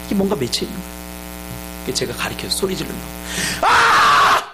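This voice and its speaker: High, lively Korean pastor preaching. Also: male voice, fast talker, noisy background. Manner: storytelling sermon, acting out dialogue and shouts. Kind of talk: sermon.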